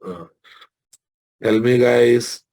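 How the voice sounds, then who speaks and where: A man with a Telugu Indian accent and a slightly husky voice, teaching a live technical class, repeating phrases and quizzing his students informally. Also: mid-range voice, extremely slow, warm tone. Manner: repeats phrases, often addresses listeners informally. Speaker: programming instructor.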